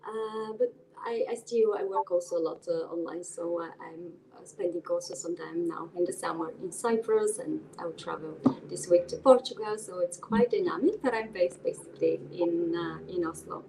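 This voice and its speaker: A woman's voice: fairly low pitch, moderate pace, creaky, hardly any pauses, background noise. A woman from Bulgaria being interviewed over a video call, speaking earnestly with frequent hesitations and restarts. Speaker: interview guest, board member.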